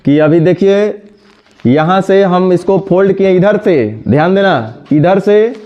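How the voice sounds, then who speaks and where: Scolding teacher. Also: male voice, high voice, expressive. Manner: scolding, brisk, addresses students directly. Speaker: reasoning teacher. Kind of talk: classroom lecture. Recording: dull lo-fi sound.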